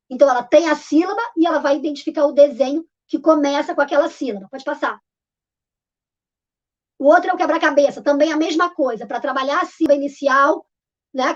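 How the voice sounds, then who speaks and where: Brazilian woman teacher walking thru slides, informal, lots of fillers, highish voice, muffled audio. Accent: Brazilian Portuguese. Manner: explanatory, informal, many fillers and restarts. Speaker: literacy teacher presenter. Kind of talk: live online talk presenting slides. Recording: dull lo-fi audio.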